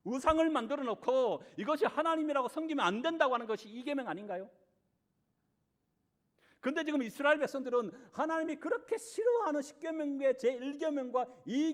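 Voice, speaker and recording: High-voiced Korean male preacher. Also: big pitch swings, a little fast. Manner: preaching with rhetorical questions to the congregation. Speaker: pastor. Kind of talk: sermon.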